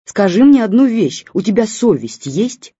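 Woman doing a grumpy old man: bossy, reproachful, darkly wry. Mellow, husky tone. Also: medium pitch, big pitch swings, moderate pace, dry recording, pitched above the performer's own voice. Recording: dull lo-fi recording.

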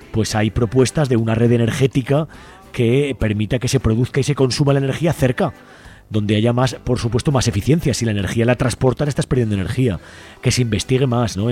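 In a radio interview, a male environmental activist guest lays out his explanations, frequently ending statements with a questioning "no?". He speaks with a dark tone on the low side.

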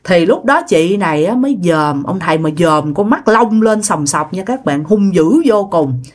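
A woman's voice: fairly low pitch, expressive, moderate pace. A woman telling a ghost story in a casual, chatty way, often speaking to her listeners directly.

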